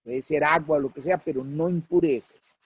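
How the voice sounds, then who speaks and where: A man's voice: a little high, slightly rough. Muffled man explaining a worked problem. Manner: slow, deliberate, repeats key figures. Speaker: teacher. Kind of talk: step-by-step worked-problem lecture.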